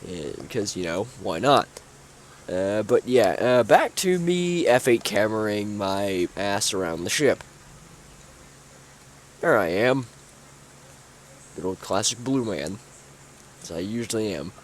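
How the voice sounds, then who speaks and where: Sleepy young guy rambling thru his game build, kinda low voice, lots of uh and like. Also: big pitch swings, takes it slowly, long pauses, a little hiss or hum. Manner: rambling, offhand, many fillers and restarts. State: sleepy, yawning. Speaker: gaming YouTuber. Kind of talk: casual gameplay walkthrough commentary.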